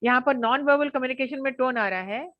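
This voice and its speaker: A young adult woman giving an online college lecture, lively and often laughing as she acts out examples with her voice. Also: high-pitched, brisk, dry recording, dull audio.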